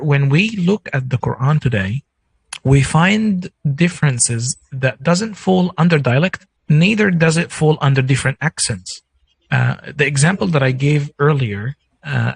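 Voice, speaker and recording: A man's voice: medium pitch, creaky, slightly rough, no room sound, poor audio. A man whose first language is Arabic, a guest explaining points with careful examples in a discussion. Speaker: guest speaker.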